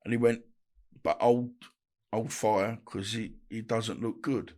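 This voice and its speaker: A middle-aged man, a guest telling stories from his boxing days in a halting, rambling way, full of restarts. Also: lowish voice, little pitch movement, a little mellow. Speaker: guest, ex-boxer. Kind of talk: casual interview chat.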